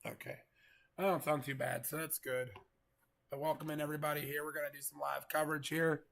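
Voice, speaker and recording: A man with a gravelly, congested voice from getting over a cold, giving casual, rambling live storm coverage commentary. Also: on the high side, little pitch movement, a little fast, fairly bright tone, slight background noise. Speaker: live weather stream host, storm chaser.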